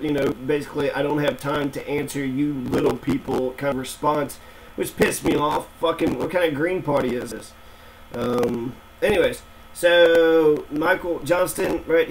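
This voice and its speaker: Man on a fuzzy, distorted recording. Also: a little high. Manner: thinking aloud, loose and profane. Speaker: screencast presenter. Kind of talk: casual screen-recorded walkthrough. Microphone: computer screen-recorder mic. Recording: distorted mic with faint fan hum.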